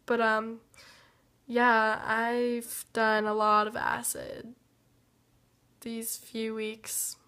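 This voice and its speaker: Slow, flat-voiced sick woman rambling. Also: a little high, clean tone. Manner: hesitant, trailing off with many fillers. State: sick, rough voice. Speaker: vlogger. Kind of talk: rambling personal update.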